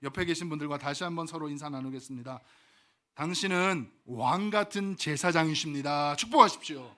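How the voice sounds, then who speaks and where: A male pastor preaching a sermon and leading his congregation in call-and-response, swinging from loud exhortation to soft asides. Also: fairly high pitch, brisk.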